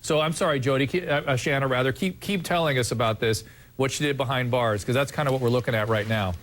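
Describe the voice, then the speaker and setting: Male TV host, mid-pitched, earnest, stumbles and restarts while steering a panel. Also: a bit bright. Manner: earnest, halting with frequent restarts. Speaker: TV talk show host. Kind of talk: broadcast panel discussion.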